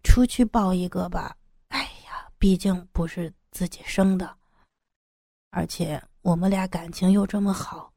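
A woman's voice: lowish voice, steady tone, a little slow, creaky, warm tone, no echo, clean studio sound. A woman voicing a desperate middle-aged man who sighs heavily and stammers through his pleas, in an audiobook story. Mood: sighing. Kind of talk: audiobook character voice.

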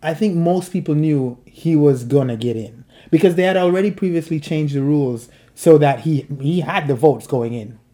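A woman's voice: deep voice, moderate pace, hardly any pauses, mellow. A woman co-hosting a podcast in casual chat, talking loosely with lots of fillers and frequent laughs. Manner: chatty, laughs often, many fillers. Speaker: podcast co-host.

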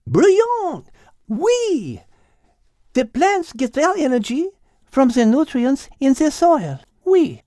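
A woman's voice: sits high, very animated, takes it slowly, dark tone, dry recording, studio quality, voice pushed up, heavily acted. A woman voicing an encouraging female teacher with a put-on French accent who drops French words into her explanations. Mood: enthusiastic.

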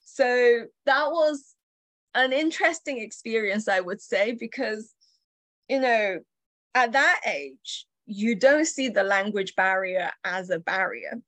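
Recorded on a dry close mic with no room sound, a Chinese businesswoman appearing as an interview guest reflects warmly on her experiences, laughing lightly now and then. Her voice is on the high side and she speaks slowly.

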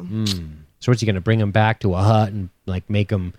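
A man co-hosting a casual podcast chat, animated and joking, swearing freely. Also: lowish voice, a little fast, a little hiss or hum. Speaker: podcast co-host. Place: home studio.

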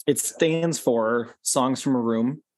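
A man's voice: mid-range voice, slow pace, no room sound. A man, a podcast guest talking casually and explaining things, with frequent fillers and restarts. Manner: relaxed, many "um" and "you know" fillers. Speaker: podcast guest, concert organizer. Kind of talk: casual interview chat.

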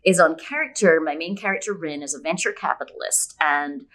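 A middle-aged Scottish novelist, guesting on an interview, answers questions in a low-pitched, fairly bright voice that moves a little fast. She talks conversationally and reflectively, using examples to explain things.

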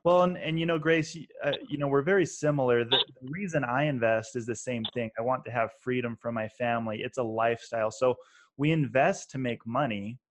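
A man's voice: mid-range voice, a little fast. Male host in his thirties, friendly and affirming, mid-range voice. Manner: friendly, affirming, stacks up questions. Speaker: podcast host, investor. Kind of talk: conversational interview.

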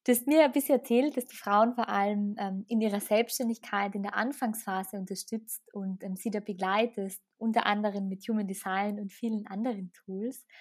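A woman's voice: mid-range voice, steady tone, brisk, hardly any pauses. A woman hosting a podcast, opening the episode and interviewing a guest with eager enthusiasm. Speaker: podcast host.

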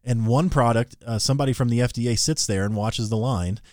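A man co-hosting a casual talk podcast, telling stories with a sarcastic, animated edge. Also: medium pitch, brisk, no room sound, clean studio sound. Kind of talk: casual conversational discussion.

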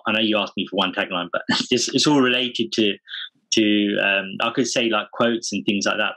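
Earnest man with a lowish voice. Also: a bit bright, poor audio. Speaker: podcast guest, parenting community founder. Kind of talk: casual conversational interview.

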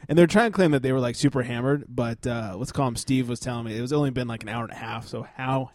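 A man's voice: medium pitch, fast talker, a little mellow, no echo. Dry, swearing man telling a story. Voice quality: loose, profane, jokey. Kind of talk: casual chat, storytelling.

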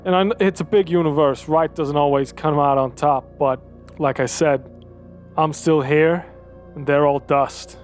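A man's voice: fairly high pitch, steady tone, unhurried, soft background music, close to an everyday voice. A man playing a grim, resolute starship captain in a tabletop game, speaking steadily and defiantly.

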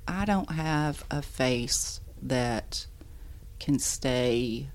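A middle-aged woman chatting casually as a podcast guest, animated, candid and self-deprecating. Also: a bass voice, drawn-out words. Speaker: podcast guest, the host's mother. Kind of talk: casual interview chat. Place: indoors at a dining room table at home.

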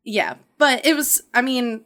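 A woman's voice: a little high, measured pace, fairly bright tone. A woman chatting on a podcast, enthusiastic and searching for words. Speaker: podcast co-host. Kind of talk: casual podcast chat.

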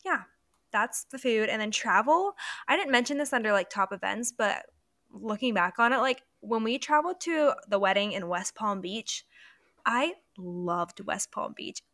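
A young adult woman co-hosting a podcast, chatting casually in a gushing, animated way full of fillers. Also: fairly high pitch, moderate pace, no room sound, studio quality. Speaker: podcast co-host. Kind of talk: casual chat.

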